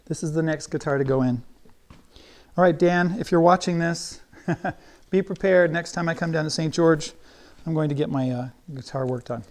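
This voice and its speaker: A middle-aged man teaching guitar in a relaxed, chatty way, thinking aloud as he works. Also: on the high side, normal speed. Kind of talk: casual how-to lesson while working.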